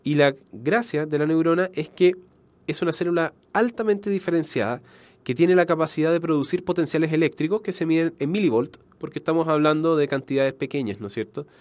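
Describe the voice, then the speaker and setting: Speaking on the high side and fairly quickly, a biology teacher lectures online with a slightly mellow, nasal voice clogged by a cold. There's no room sound. He explains things carefully, often stopping to correct himself or add check-in tags.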